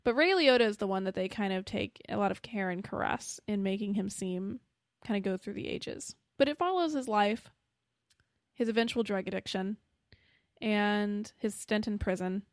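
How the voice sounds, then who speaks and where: A woman co-hosts a relaxed podcast chat, rambling and wry as she talks through a film. Her voice sits at an ordinary pitch and sounds dry and close to the mic. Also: normal speed, no echo. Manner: chatty, wry, trails off and restarts. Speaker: podcast co-host. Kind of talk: casual film discussion chat.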